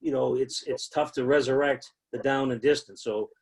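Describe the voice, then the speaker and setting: A man's voice: mid-range voice, fairly even intonation, moderate pace, low-quality recording. A man teaching new football officials in a conversational way, with frequent fillers and repeated emphasis. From United States. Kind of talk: instructional talk.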